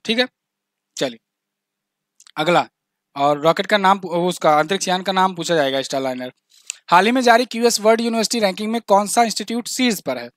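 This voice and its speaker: A man's voice: sits high, fairly bright tone, dry recording, clean studio sound. A man teaching an exam-prep current affairs quiz lesson, chatty, repeating key facts and adding little jokes. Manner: repeats key facts, says "ठीक है ना" often.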